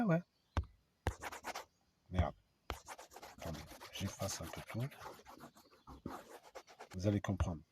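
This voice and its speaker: A man's voice: mid-range voice, darkish tone, a little hiss or hum. A man giving an informal spoken lesson to viewers. He talks emphatically and provocatively, spells out letters and sounds one by one, and speaks straight to his audience. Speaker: video lecturer. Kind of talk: informal explanatory monologue to viewers.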